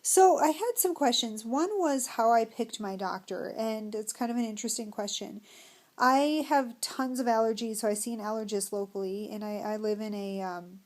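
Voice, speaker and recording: A middle-aged American woman talking casually in a personal vlog, candid and self-deprecating, often pausing mid-thought. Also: on the high side, a little mellow. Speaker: vlogger.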